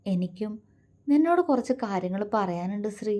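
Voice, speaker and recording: A woman's voice: fairly high pitch, moderate pace, lightly acted. A woman voicing a tender, protective young man who coaxes and comforts his lover. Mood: hushed sad. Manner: soft, affectionate, coaxing.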